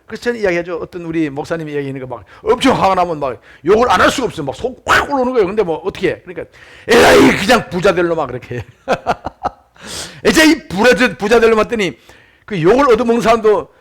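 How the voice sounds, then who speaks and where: A man preaching a sermon as pastor, telling stories with lively acted-out quotes. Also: high voice, quick pace. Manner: animated storytelling, acts out shouted quotes.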